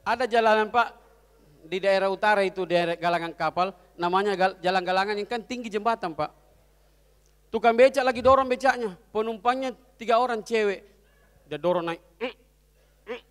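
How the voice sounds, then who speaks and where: A man telling jokes at a corporate event, lively storytelling that swings between loud and soft voices. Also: sits high, a little fast. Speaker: comedian. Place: event hall. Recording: long hall reverb.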